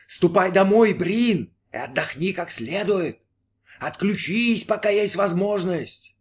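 Guy putting on a creepy mocking voice inside someone's head, pushy and shrill, pitched up high. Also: animated, slow pace. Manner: taunting, shrill and urgent. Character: eerie mocking male inner voice, insistent.

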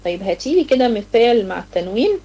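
A fairly high-voiced Egyptian woman teaches tajweed in an online class, walking her students through each rule with repeated questions. She slows right down to chant her examples, stretching every syllable. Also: very animated, warm tone, low-quality recording. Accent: Egyptian Arabic. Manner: explains step by step with repeated questions, slow drawn-out recitation of examples. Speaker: Quran recitation teacher. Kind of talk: online tajweed lesson to girls.

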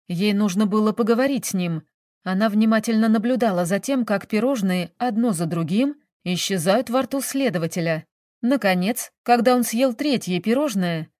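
A woman narrating a novel in an even, measured reading. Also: fairly high pitch, no room sound, studio quality. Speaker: audiobook narrator. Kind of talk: scripted narration.

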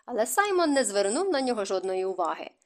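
A woman's voice: a little high, very animated, fast talker. Woman reading an audiobook evenly. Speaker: audiobook narrator. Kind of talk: scripted narration.

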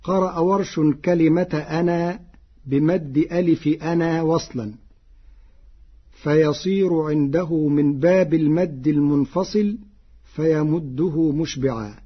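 A man from Egypt giving a formal radio lesson on Quran readings, measured, chanting the quoted verses slowly in a husky voice. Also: a little high. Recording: dull lo-fi radio broadcast recording.

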